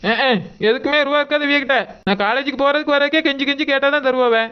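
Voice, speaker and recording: A woman's voice: high-pitched, fairly even intonation, highs cut off, natural voice. A woman playing a defiant college girl who angrily confronts her sister-in-law over her sister and baby. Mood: angry. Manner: angry, confrontational, fast. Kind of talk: amateur family drama acting.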